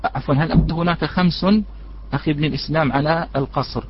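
A man gives a religious lesson on recitation rules, talking with a somewhat high voice. He poses questions to the listeners he calls brothers and then works through the answers. The recording sounds dull and lo-fi. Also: steady tone, fast, noisy background. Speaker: Quran recitation teacher.

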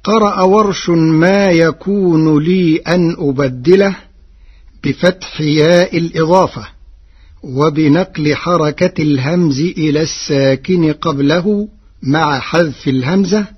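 A man with a slightly high, husky voice teaches a formal religious radio lesson. He speaks very slowly and deliberately, and he draws out the verses he quotes in a measured intonation. The sound is dull and lo-fi, like an old radio broadcast. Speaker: Quran reading scholar.

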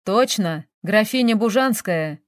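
A woman's voice: medium pitch, lively intonation, a little slow, no echo, clean studio sound, lightly acted. A woman voicing a playful, whiny grown man, a detective who pleads and wheedles, in an audiobook. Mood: whiny, wheedling.

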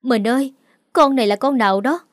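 A woman doing a shrill, whining second wife. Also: a little fast, no echo, studio quality, lightly acted. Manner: loud, whining and accusing. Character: shrill scheming second wife of a rich household.

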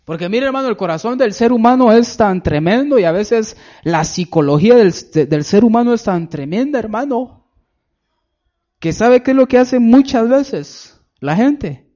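A preacher with a high voice delivers an emphatic sermon. He draws out stressed phrases and sinks low for asides to his listeners. The recording sounds dull and lo-fi. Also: expressive, normal speed, mellow.

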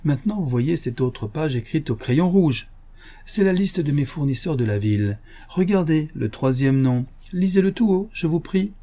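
A man reading an audiobook, voicing an angry, gruff poultry dealer. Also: on the high side, animated, moderate pace, mellow, voice pushed up. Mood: brusque. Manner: gruff, blustering.

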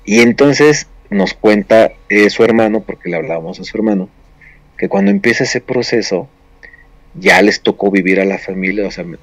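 A man's voice: deep voice, slightly rough, dry recording. A man casually recounting a story on a paranormal talk show, rambling with many restarts.

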